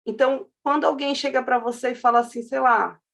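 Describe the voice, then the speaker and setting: A woman's voice: high-pitched, steady tone, brisk, vocal fry. A middle-aged woman speaking as a guest expert in a webinar, telling stories and acting out quoted dialogue. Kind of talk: webinar talk.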